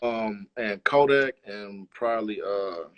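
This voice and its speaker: A Chicago man speaks as an interview guest in a casual chat, leaning on heavy slang and profanity and repeating himself for emphasis. His voice sits on the low side and moves slowly, and the sound is lo-fi.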